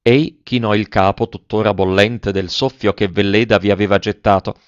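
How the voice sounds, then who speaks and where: A man reading a classic novel aloud in a measured, literary manner. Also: lowish voice, fairly even intonation, clean tone, no echo, muffled recording. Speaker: narrator.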